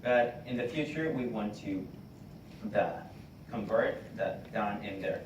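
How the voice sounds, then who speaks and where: A man's voice: fairly low pitch, measured pace, dull audio. A male student contestant answering judges with hesitant, broken phrasing. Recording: echoey room, distant, noisy.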